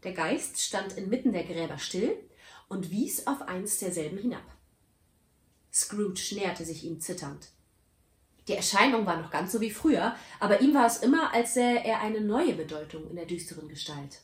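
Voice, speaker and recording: A woman narrating a story aloud with a dramatic, expressive reading. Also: mid-range voice, normal speed. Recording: roomy echo.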